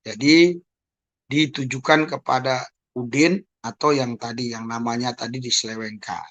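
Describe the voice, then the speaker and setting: A man's voice: mid-range voice, steady tone, normal speed, fairly bright tone, lo-fi sound. A man hosting his own channel, answering accusations in a monologue to his viewers, repeating pointed rhetorical questions. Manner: addresses listeners as "Saudara". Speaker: YouTube channel host.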